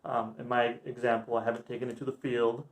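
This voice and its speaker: A man's voice: mid-range voice, little pitch movement, fast talker. A young man chatting casually and enthusiastically to camera as an airsoft reviewer, using informal slang. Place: backyard outdoors, later a room indoors.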